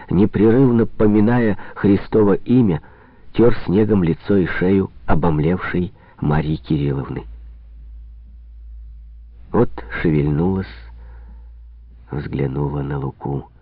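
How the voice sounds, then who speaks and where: Slow low-voiced male narrator, tinny sound. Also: slightly rough, no room sound. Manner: slow, dramatic storytelling. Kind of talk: audiobook reading.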